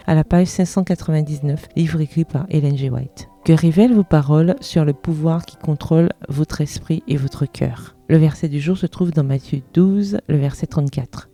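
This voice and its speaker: Low, very dark female reader, measured earnest devotional delivery. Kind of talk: read devotional meditation.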